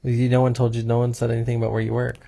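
Gravelly young man teasing his co-host. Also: mid-range voice, monotone, rapid-fire, dark tone. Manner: teasing, playfully preachy. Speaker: podcast co-host. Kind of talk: casual chat.

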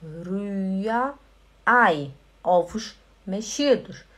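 A woman with a Brazilian Portuguese accent giving a live online German lesson, repeating words slowly to drill pronunciation and reading viewers' comments aloud. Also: mid-range voice, animated, fairly bright tone. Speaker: German teacher.

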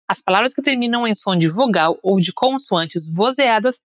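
A woman's voice: mid-range voice, expressive, normal speed, dry recording, studio quality. A young woman from Brazil with a Brazilian Portuguese accent, an upbeat pronunciation teacher on a podcast, leading listeners through drills. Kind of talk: podcast lesson.

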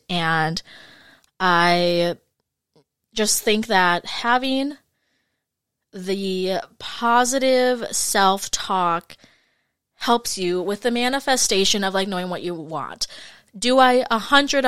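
A woman's voice: mid-range voice, fairly bright tone, clear, resonant tone, no room sound. Woman, mid-twenties, casual podcast chat, frank, filler-heavy, dry close sound. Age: 20s. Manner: chatty, frank, fillers like "like" and "you guys". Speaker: podcast host. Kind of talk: casual solo podcast monologue.

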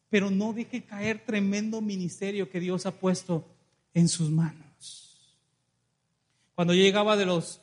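A man preaching an animated sermon in a church, calling on the congregation and acting out stories. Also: high voice. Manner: animated, calls congregation to respond, acts out dialogue. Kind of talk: lively sermon with storytelling.

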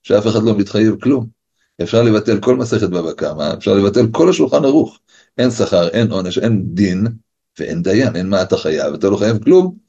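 Low husky rabbi over a dull video call. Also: male voice, lively intonation, warm tone. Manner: argues by asking and answering his own questions. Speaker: rabbi teaching a class. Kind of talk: Torah lesson, lively rhetorical questions.

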